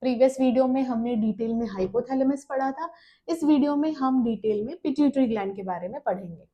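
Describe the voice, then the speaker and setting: A woman teaches a lecture, explaining diagrams step by step. She asks questions and answers them herself, reads English lines slowly and mixes English terms into her talk. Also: high-pitched, mellow, dull audio.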